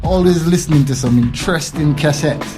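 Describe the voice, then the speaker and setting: A man's voice: fairly high pitch, a little fast, over music. A young man from Jamaica with a Jamaican accent, talking as a guest in a casual interview, thoughtful and often repeating words while he finds his phrasing.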